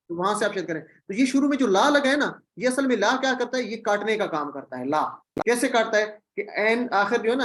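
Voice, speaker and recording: A man's voice: high voice, fairly bright tone, low-quality recording. A man teaching Quranic Arabic in an online class, patiently drilling and repeating word patterns. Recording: video call audio.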